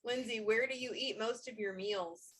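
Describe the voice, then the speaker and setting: A woman hosting a casual chat with friends, telling animated stories about her family and acting out her child's voice. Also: fairly high pitch, normal speed. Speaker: podcast host. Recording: quiet, distant mic.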